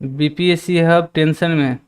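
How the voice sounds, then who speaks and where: A man's voice: on the high side, fairly even intonation, unhurried, smooth. A man teaching a live-streamed maths lesson, working through problems step by step and talking with viewers in the chat. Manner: chatty teacher, reads out and teases chat.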